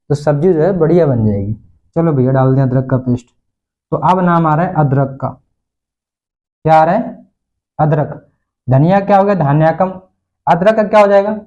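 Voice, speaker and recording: A man's voice: a little high, a little mellow, lo-fi sound. A male teacher giving an online lesson in a playful way, repeating each question and answer and laughing often.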